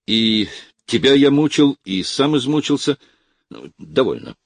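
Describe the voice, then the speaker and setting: A stern, harsh military officer giving clipped, forceful orders, voiced by a male storyteller. The voice is husky, with a deep base and lively rises in pitch. The recording is close and dry. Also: a little slow, dry recording. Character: blunt, stern army officer, commanding and harsh.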